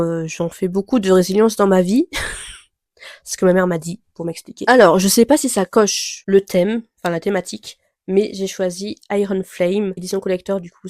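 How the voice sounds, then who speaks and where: A young woman chatting casually to camera about her reading plans, rambling with many fillers and soft laughs. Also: fairly low pitch, no room sound, studio quality. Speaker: book vlogger.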